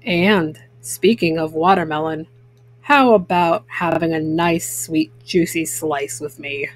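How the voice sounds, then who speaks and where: A woman voicing a folksy old male bear farmer, calm, wise and plain-spoken, giving gentle advice in a children's storybook. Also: sits low, slow pace, voice pushed down, poor audio. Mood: friendly.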